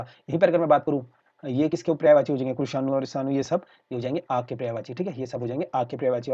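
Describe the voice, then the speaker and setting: Fast-talking male Hindi exam teacher. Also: medium pitch, dark tone, breathy edge, dull audio. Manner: explains repetitively, checks in with "theek hai" often. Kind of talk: online exam-prep lesson.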